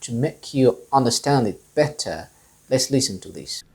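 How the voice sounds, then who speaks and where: Husky-voiced man teaching pronunciation. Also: medium pitch, expressive, darkish tone, low-quality recording. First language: Amharic. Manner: explains slowly and repeats example words. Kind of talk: explanatory lesson.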